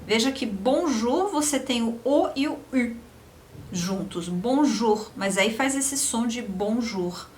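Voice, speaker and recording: A woman teaching a beginner French lesson, slowly repeating each example word for practice. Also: a little high, animated, a little hiss or hum.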